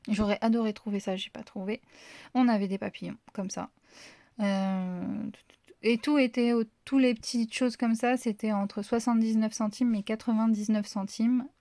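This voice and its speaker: A woman's voice: on the high side, steady tone, moderate pace, warm tone, dry recording. A woman showing her crafting finds in a casual, rambling haul chat, full of fillers. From France. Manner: chatty, rambling, many fillers. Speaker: craft vlogger.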